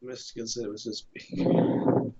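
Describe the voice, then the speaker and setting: Over dull, lo-fi voice chat, a man co-hosting a gaming stream jokes, teases and laughs often against a loud crowd. His mid-range voice keeps a level tone at a moderate pace.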